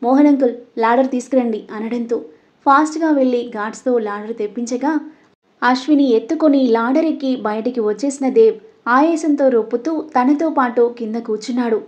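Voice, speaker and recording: A woman reading an audio story aloud, voicing every character's lines in her own voice and getting louder for the dialogue. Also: on the high side, a little fast. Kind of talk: scripted audio story narration.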